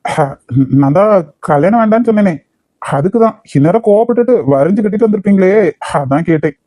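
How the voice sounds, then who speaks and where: A man's voice: high voice, expressive, brisk, dark tone, no echo. A man voicing a stubborn young nephew in a cartoon, blunt and grudging, with a Kanyakumari Tamil accent. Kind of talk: cartoon voice acting.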